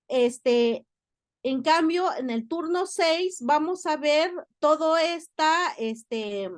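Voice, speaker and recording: A woman lecturer, explaining her research in an academic talk with frequent filler pauses. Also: high voice, dry recording, studio quality. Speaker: university lecturer.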